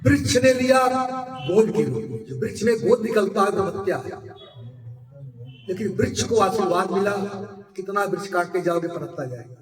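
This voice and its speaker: High-voiced man telling a sacred story. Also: lively intonation, normal speed, slight background noise. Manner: dramatic storytelling, swells loud then drops soft. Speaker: devotional storyteller. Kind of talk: scriptural story sermon. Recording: echoey hall, mic far off, faint music.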